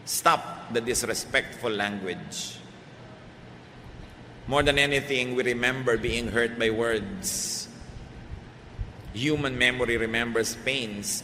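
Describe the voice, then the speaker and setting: A middle-aged Filipino man preaching a sermon, shifting between Tagalog and English and swinging from loud emphasis to soft, quiet lines. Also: medium pitch, a little hiss or hum. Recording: reverberant hall, faint ambience.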